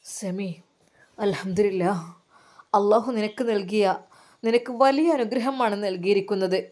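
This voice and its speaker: A woman voicing a gentle, pious middle-aged male religious teacher who speaks softly and prayerfully. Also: mid-range voice, normal speed, pitched below the performer's own voice, close to an everyday voice. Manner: soft, prayerful.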